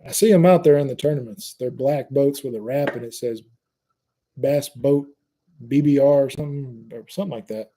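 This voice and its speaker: A man, hosting a fishing channel and telling a lively fishing story in casual chat. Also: mid-range voice, moderate pace. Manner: animated storyteller, Southern y'all, laughs at own jokes.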